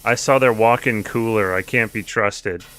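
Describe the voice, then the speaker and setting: Bright-voiced joking male streamer. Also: fairly low pitch, moderate pace. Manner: chatty, joking, profane. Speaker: streamer playing a video game. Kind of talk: casual gameplay commentary.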